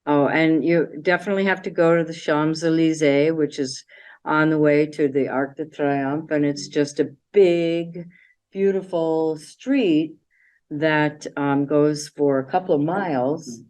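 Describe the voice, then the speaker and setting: A woman with a notably low voice talks casually through her travel slides. She rambles a little and fills pauses with "um" and "so" as she clicks along. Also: fairly even intonation, darkish tone. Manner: chatty, meandering, with many fillers. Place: library meeting room.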